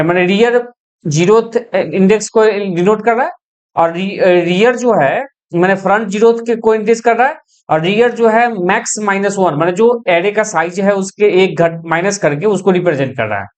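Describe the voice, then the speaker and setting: A woman teaching an exam-prep computer science lecture, explaining step by step and mixing English technical terms into her speech. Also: mid-range voice. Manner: explains step by step, asks and answers own questions.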